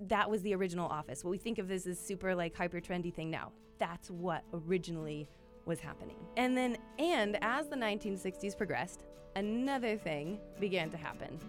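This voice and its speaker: Woman, podcast host, conversational narration, upbeat, soft music behind. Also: fairly low pitch, lively intonation, a little fast. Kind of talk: scripted narration with casual asides.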